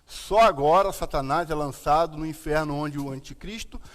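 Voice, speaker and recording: Brazilian guy with a lisp, slightly high voice, explaining bible stuff on a stream, big echoey reverb. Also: normal speed. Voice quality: lisp from a tied tongue, slushy s. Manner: explanatory, repeatedly checking with "né". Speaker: pastor and live-stream host. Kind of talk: informal Bible teaching on a live stream. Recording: long hall-like reverb.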